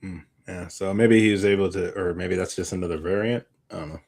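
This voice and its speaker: Here the movie-show co-host talks fairly quickly in a deep, steady, slightly mellow voice. The chat stays casual, and he rambles while hunting for the right words.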